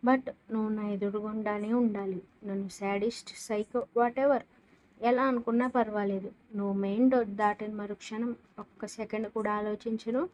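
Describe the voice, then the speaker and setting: A woman's voice: mid-range voice, fairly even intonation, normal speed, a little mellow, close to an everyday voice. Woman reading as stern possessive young husband Viraat. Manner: stern, threatening.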